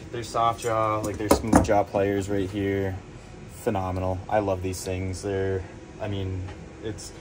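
Against a noisy background, a young plumber with a lowish voice chats about his tools while working in a crawl space under a building. It's a casual on-the-job interview, and he rambles in a relaxed way, full of fillers like "I mean" and "like."

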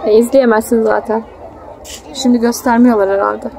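Filming her small child at an open-air park with a handheld phone, a woman in her thirties talks casually, pointing things out, explaining, and coaxing with endearments from behind the camera. Her mellow, slightly creaky voice leans high, with fairly even intonation and a moderate pace, and faint crowd noise is audible outdoors.

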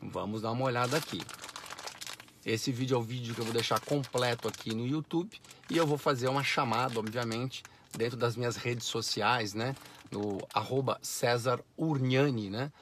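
A man's voice: medium pitch, moderate pace, a bit bright, slight background noise. A man in his forties, from Brazil, chatting and explaining as he films a demonstration from inside a parked car. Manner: chatty, explanatory, frequent tag questions. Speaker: vlogger. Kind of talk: casual car vlog demonstration. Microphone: camera on the dashboard.

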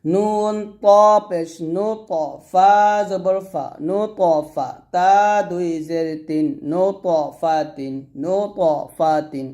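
A male teacher drills pronunciation at a very slow pace, sounding out each letter and vowel. His voice sits slightly high for a man, with a dark, mellow tone. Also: fairly even intonation. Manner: slow, syllable-by-syllable drilling with brief asides. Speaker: Quran recitation teacher. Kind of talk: spelling-out pronunciation lesson.

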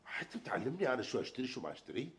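A man playing the boastful comic lead of a sitcom, quick to rant. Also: medium pitch, big pitch swings, slightly rough. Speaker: comedy lead. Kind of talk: sitcom acting.

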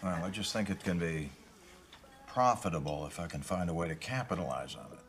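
An actor playing a formal, fussy older father who speaks deliberately in a sitcom. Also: deep voice. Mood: measured. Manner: deliberate and formal, building to exasperated yelling. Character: fussy, exasperated middle-aged father and businessman. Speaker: father, would-be milk seller. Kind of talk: sitcom acting.

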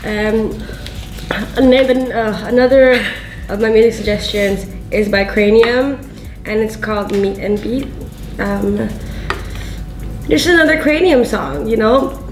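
A woman's voice: mid-range voice, unhurried. A woman in her twenties chatting casually about her picks, talking through a mouth burning from spicy food. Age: 20s. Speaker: co-host of a music mukbang. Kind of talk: casual chat. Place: large open office room, indoors. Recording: roomy echo, music laid over. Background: music.

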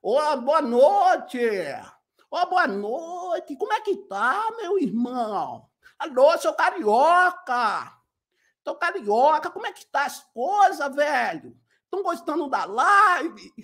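A man's voice: very high-pitched, very animated, slow pace, fairly bright tone, exaggerated voice. A man from Pernambuco, with a Pernambuco accent, voicing a mock Rio de Janeiro man who greets a livestream with exaggerated, swaggering greetings.

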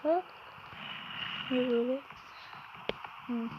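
A woman's voice: high voice, slow pace, highs cut off, background noise. A young woman casually commenting on her own gameplay, chatty with frequent exasperated outbursts. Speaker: gaming YouTuber.

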